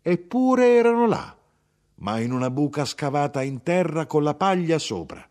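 A man reading aloud, voicing a feisty older mother who talks bluntly and with pride in a lively, animated way. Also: on the high side, normal speed, pitched above the performer's own voice, lightly acted. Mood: recalling. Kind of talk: audiobook reading.

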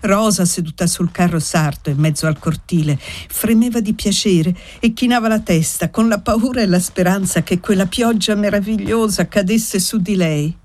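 A woman narrating a literary audiobook in a measured, deliberate way. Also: medium pitch, darkish tone. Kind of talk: audiobook reading.

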